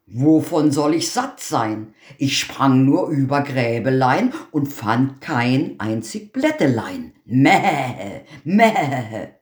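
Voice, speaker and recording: A man's voice: medium pitch, big pitch swings, slow pace, few pauses, a little mellow. A man voicing an ungrateful female goat in a fairy tale reading, drawing out her bleats at the end of her rhymes. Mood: complaining. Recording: roomy echo.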